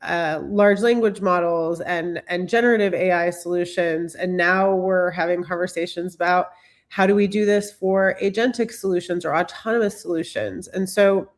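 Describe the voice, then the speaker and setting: A woman's voice: fairly low pitch, steady tone, normal speed. A woman who is a bit sick and congested, giving a presentation as a guest expert, with many fillers and restarts. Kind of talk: presentation talk.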